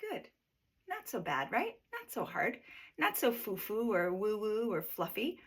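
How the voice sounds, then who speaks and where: A woman teaching a guided breathing lesson in a relaxed, conversational way, often checking in with the listener. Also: medium pitch, unhurried, slightly rough. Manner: conversational, coaching, checks in with "right?".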